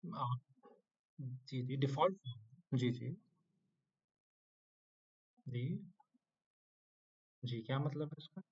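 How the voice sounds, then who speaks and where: A man's voice: mid-range voice, takes it slowly, pauses often, husky, dull audio. A man teaching an online Quranic Arabic class, quizzing students with short prompts and playfully scolding them to do their homework.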